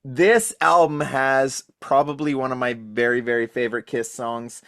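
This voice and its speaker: A man's voice: mid-range voice, fairly even intonation, normal speed, a bit bright, no room sound, clean studio sound. A man as a podcast guest in casual chat, talking with gushing enthusiasm. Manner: enthusiastic, gushing fan talk.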